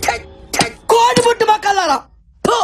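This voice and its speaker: Brief: a high, squealing scaredy-cat for film comedy, stammers and yelps at every shadow. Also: male voice, normal speed, music in the background. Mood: laugh-crying. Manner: shrieking and stammering in panic. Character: cowardly jittery man, easily spooked by ghosts. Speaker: comic actor in a film. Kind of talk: Telugu film comedy acting.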